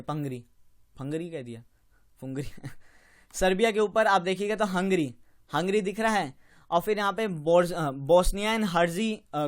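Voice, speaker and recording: A man teaching a geography map lesson, repeating country names slowly and correcting his own slips as he goes. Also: high voice. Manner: repetitive drilling, slows on tricky country names; self-correcting, apologizes for slips. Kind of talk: exam-prep map lecture.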